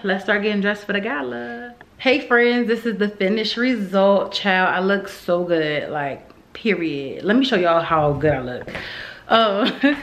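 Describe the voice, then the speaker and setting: A woman vlogger chatting casually to her viewers in slangy, informal speech with drawn-out emphatic words. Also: medium pitch. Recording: roomy echo, some background noise.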